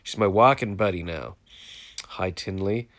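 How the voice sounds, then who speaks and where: A congested vlogger chats casually with viewers on a phone live stream from home, sounding frustrated and rambling. His voice sits low with a fairly bright tone, and he speaks unhurriedly.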